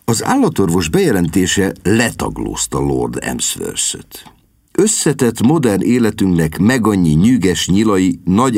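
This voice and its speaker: A man narrating a comic novel as an audiobook, wry and expressive. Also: fairly low pitch, creaky, dry recording, clean studio sound. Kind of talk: scripted narration.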